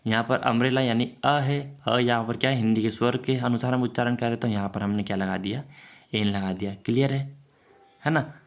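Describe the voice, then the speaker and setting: A man's voice: medium pitch, creaky. Man teaching a grammar lesson. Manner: repeats rhetorical checks to the viewer. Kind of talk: explanatory online lesson.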